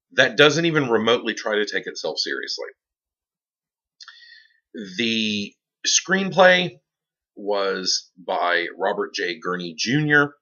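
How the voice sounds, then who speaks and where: A man hosting a horror movie show in a campy, theatrical horror-host style with drawn-out phrasing. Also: fairly low pitch, pushed and bright, dull audio.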